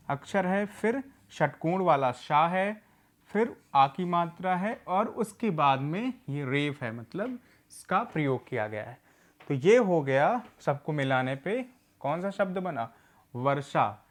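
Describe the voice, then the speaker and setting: A man with a slightly high, animated voice leads a recorded adult literacy lesson. He patiently poses questions and answers them himself, repeating words slowly for his learners.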